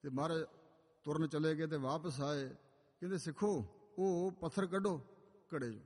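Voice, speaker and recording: A man preaching a sermon, his voice pitched a little high for a man. He tells stories and slows into chanted scripture lines, and a long hall reverb trails after each phrase. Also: a little mellow, slightly rough. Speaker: preacher giving katha. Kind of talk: sermon with sung scripture quotes.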